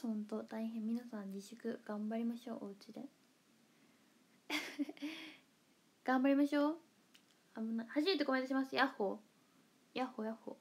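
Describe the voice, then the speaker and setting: Chatty husky young woman with Kansai accent. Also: fairly high pitch. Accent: Kansai Japanese. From Kansai, Japan. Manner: chatty and playful, giggly, quick shifts between loud and murmured asides. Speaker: idol livestreamer. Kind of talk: casual livestream chat reading comments.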